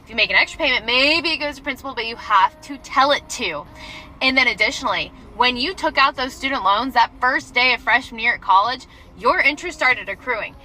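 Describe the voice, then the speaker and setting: A woman's voice: on the high side, lively intonation, fairly quick, sharp tone, slight background noise, poor audio. A young woman giving a blunt, candid explainer in a casual vlog, swearing freely. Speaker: social media poster.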